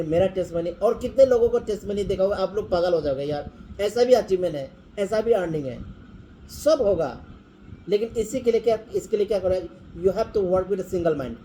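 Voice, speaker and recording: High-voiced man giving a motivational talk. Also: dark tone, slight background noise, low-quality recording. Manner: repetitive, mixing Hindi and English, earnest. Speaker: business team leader.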